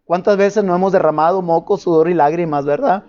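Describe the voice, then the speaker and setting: High-voiced preacher man, dull recording. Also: brisk, darkish tone. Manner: preaching with rhetorical questions to the congregation. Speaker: pastor. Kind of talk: sermon.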